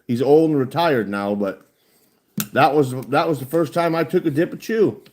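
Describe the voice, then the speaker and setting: A man's voice: a little high, normal speed, darkish tone, a little hiss or hum. A man, chatting bluntly and profanely with a lip full of chewing tobacco. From United States. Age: 40s. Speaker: livestreamer chatting with viewers. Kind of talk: casual chat.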